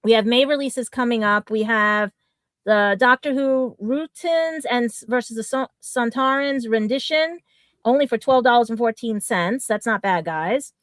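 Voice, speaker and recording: A woman's voice: a little high, moderate pace, no room sound. A woman co-hosting a casual podcast, rambling, laughing easily and stumbling over names. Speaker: podcast co-host.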